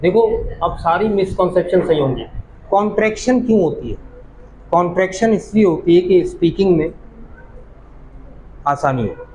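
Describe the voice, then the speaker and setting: High-voiced man teaching English grammar. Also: expressive, normal speed, long pauses, a little mellow, slight background noise, low-quality recording. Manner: explains patiently, asks the class questions. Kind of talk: classroom lecture. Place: classroom.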